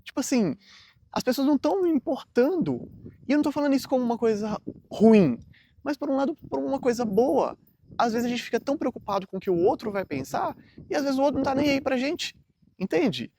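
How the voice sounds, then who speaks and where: A man's voice: very high-pitched, lively intonation, a little fast, vocal fry, mellow, a little hiss or hum. A man, talking casually and earnestly to camera in a rambling motivational vlog full of fillers. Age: 30s. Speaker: vlogger.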